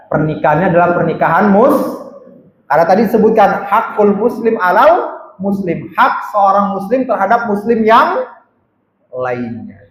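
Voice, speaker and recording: A male religious teacher giving a conversational mosque lecture, often checking with his listeners. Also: high voice. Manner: conversational, keeps checking with the audience. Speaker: ustadz teaching a weekly study circle. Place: mosque hall. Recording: echoey mosque hall.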